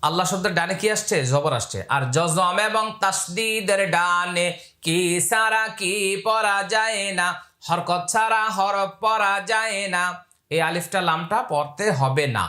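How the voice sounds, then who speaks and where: A man teaching Quran reading step by step, spelling out letters and vowel marks, then chanting each word slowly and repeating the rules. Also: sits high, bright, forceful tone, echoey room. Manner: repeats key rules and asks the learners questions. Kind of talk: step-by-step recitation lesson.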